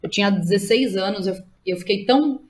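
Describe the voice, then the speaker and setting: A Brazilian woman, a playwright and theatre director, chats casually as a guest on a podcast interview. Her medium-pitched voice moves fairly quickly, and she uses informal slang and frequent tag questions.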